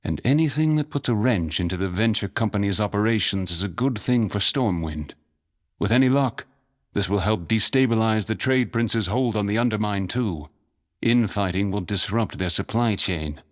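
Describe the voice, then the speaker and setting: A man voicing a courteous, wry masked spymaster with a calm, polite, dryly amused manner. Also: lowish voice, moderate pace, lightly acted.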